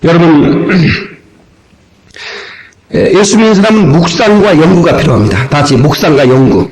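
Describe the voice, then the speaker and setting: A male pastor preaching a sermon in an animated way, acting out little dialogues and raising his voice at times, heard from an old cassette tape recording. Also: fairly high pitch, normal speed, rough recording. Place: church sanctuary.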